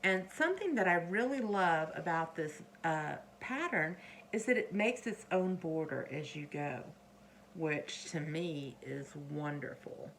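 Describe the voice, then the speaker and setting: Slow, creaky-voiced middle-aged woman chatting. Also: deep voice, lively intonation, a bit bright. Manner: hesitant, often trailing off and correcting herself. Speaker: crochet vlogger. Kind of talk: casual rambling show-and-tell to camera. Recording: faint background noise, occasional chair creaks.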